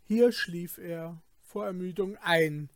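A man narrating an old tale in a measured, dramatic storytelling manner. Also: sits high, dry recording. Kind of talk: scripted audiobook narration.

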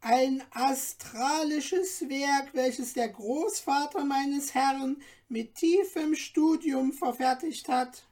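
Cicerone, a woman doing a squeaky tiny dwarf. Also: slow pace, hardly any pauses, a little mellow. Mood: courteous, eager. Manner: ornate, polite, squeaky and eager. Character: tiny fussy old dwarf guide, courteous and excitable. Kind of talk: storybook reading.

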